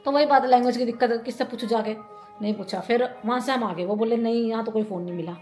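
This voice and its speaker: A woman's voice: a little high, quick pace, darkish tone, soft background music. A woman from India telling a story in a casual vlog. She talks in a rambling, chatty way, often laughing and repeating herself. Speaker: vlogger.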